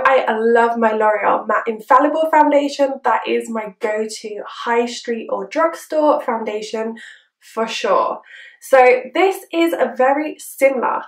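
A young woman talks in a perky, fairly high voice, like a beauty vlogger giving a casual review. Her manner is chirpy and informal. The room adds a noticeable echo around her words. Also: distant mic. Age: young adult. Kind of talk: casual chat to camera, product review. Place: small room indoors. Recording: roomy indoor echo.

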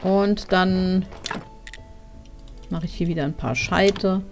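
A woman's voice: on the low side, slow pace, faint music behind. A woman streaming a game, chatting casually and thinking aloud as she plays, speaking into a headset. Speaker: let's play streamer. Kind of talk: casual gameplay commentary.

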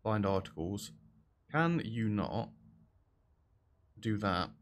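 A young British man with a fairly deep voice hosts a gaming video, giving casual let's-play commentary into a headset. He's expressive and slow-paced, chatty and self-deprecating, joking with and talking to the characters on screen.

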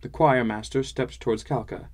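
A man reads a fantasy audiobook in first person, measured and wry in his delivery. His pitch sits mid-range for a man. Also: fairly even intonation, a little mellow. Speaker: audiobook narrator. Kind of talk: scripted first-person narration.

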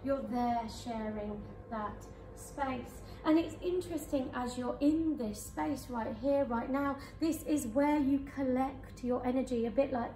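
Woman hypnotist talking folks down slow and soothing, big echoey conference room, faint hum. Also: sits high, mellow, distant mic. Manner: slow soothing suggestions with counting. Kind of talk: guided hypnosis session. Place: conference room with live audience. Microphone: far camera.

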